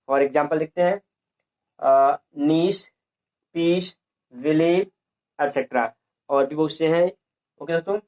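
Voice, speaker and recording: Male teacher, slightly high voice, repetitive question-and-answer delivery, dull lo-fi recording. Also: darkish tone. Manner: repetitive, asks and answers his own questions. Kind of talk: lesson on English pronunciation.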